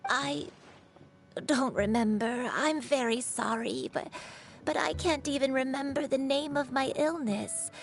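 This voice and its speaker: Woman doing a gravelly old granny, frail and forgetful, slow and sorrowful, video game dialogue. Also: high-pitched, steady tone. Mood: wistful. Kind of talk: reading game dialogue aloud.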